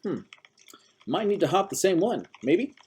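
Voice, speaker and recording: A bright, busybody old gentleman who chatters with relentless optimism, as a man puts him on. His voice rides noticeably higher and louder than the narration around him, all eager small talk. It is a storybook character, nosy and sunny. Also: very animated, a little slow, husky, heavily acted. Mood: chirpy, chatty. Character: cheerful, nosy older man at a bus stop.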